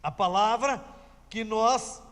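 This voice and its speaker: A man's voice: high-pitched, slow, fairly bright tone, big-room sound. A man preaching a sermon, telling a scripture story emphatically and repeating key phrases.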